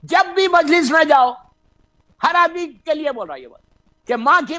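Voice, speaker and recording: A man giving an impassioned sermon as a cleric, slipping in English phrases and breaking into shouts. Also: very high-pitched.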